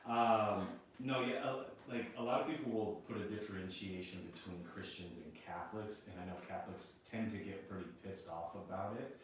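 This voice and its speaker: A man's voice: deep voice, moderate pace, hardly any pauses. A man co-hosting a podcast who explains things in a thoughtful way in casual chat. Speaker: podcast co-host. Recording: far-off echoey room, faint noise.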